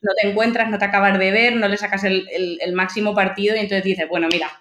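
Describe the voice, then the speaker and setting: A woman in her thirties chats as a guest, spinning her stories with lively energy and acting out the voices of people she quotes. Her pitch sits in the middle range. The recording carries a roomy echo. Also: fast talker. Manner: lively, expressive storytelling with acted-out quotes. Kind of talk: casual chat, personal storytelling.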